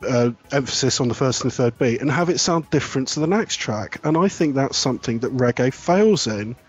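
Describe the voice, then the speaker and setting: A man's voice: mid-range voice, expressive, fairly quick, husky, muffled recording, faint music behind. A man who is a regular panelist on a podcast, giving strong opinions in a casual, argumentative way.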